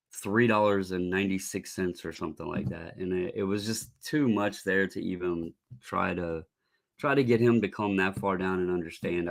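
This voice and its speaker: A man's voice: deep voice, creaky. A man with a scratchy, sore-throat voice hosting a live stream, rambling conversationally through casual hobby stories.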